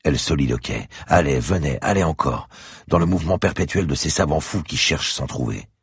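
A man narrating an audiobook in the first person, slow and brooding, his voice rising sharply when his character speaks. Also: expressive, no room sound, clean studio sound. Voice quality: gravelly, husky, very deep. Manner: slow, brooding delivery, rises sharply in his spoken lines.

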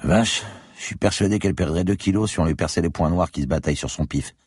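A man voicing a crude, wisecracking male cop partner with a husky, slangy way of talking. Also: low-pitched, fast talker, a little mellow, no echo, studio quality, pitched above the performer's own voice. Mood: crude, admiring. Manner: brash and slangy.

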